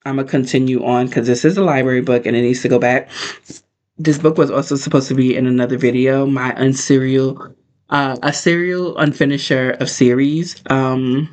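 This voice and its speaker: A man's voice: medium pitch, fairly even intonation, normal speed, darkish tone. Casual, chatty man hosting a livestream. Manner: informal, chatty, rambling. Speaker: book livestream host.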